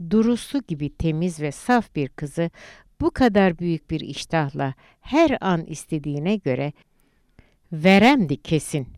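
A woman reading a literary novel aloud in a measured, deliberate audiobook narration. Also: fairly low pitch, a little mellow, clean tone, no echo, studio quality.

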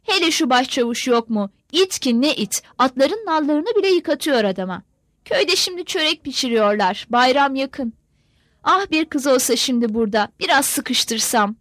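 A woman's voice: sits high, expressive, moderate pace, fairly bright tone, no echo, clean studio sound. A woman voicing a bored male Cossack soldier who grumbles about army life. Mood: grumbling.

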